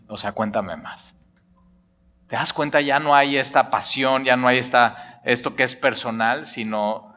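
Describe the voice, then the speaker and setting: A man preaching a sermon as pastor, retelling a story with lively acted-out dialogue and jokes. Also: mid-range voice.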